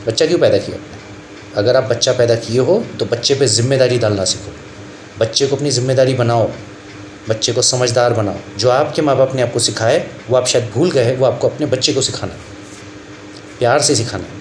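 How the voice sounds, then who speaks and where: A coaching teacher delivers a blunt, scolding lecture to students and parents. His voice sits at an ordinary pitch. It carries the echo of a reverberant room over a faint background hiss. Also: fairly quick. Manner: blunt, scolding, lecturing, mixing in English phrases. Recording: echoey room with faint ambient noise.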